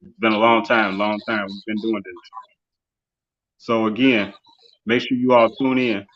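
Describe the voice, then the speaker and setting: A man in his forties wraps up his interview show, a casual live stream, rambling loosely and dropping plenty of "you know" and "um." His voice is fairly low and flat, his pace measured, and the audio dull.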